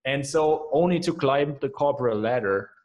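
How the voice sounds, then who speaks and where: A young adult man, a podcast guest with a German accent, speaks at a moderate pace in a mid-range voice, the recording's highs cut off. His casual interview chat is upbeat and enthusiastic, peppered with repeated "man" and "right?".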